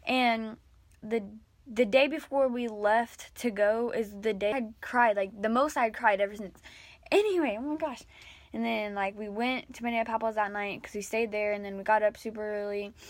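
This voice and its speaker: A young woman telling a personal story to camera, her voice a little high and her recording dry and close. She rambles in halting, restarting sentences full of fillers, now and then dropping to a hush. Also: no echo. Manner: drops to a hushed whisper at sad moments. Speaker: vlogger. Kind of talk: emotional story time.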